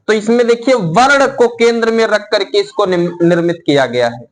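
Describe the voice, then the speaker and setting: A middle-aged man teaching a classroom lesson, explaining slowly and dictating notes for students to write down. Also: high-pitched, rough recording. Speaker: Hindi teacher. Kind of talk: classroom lecture.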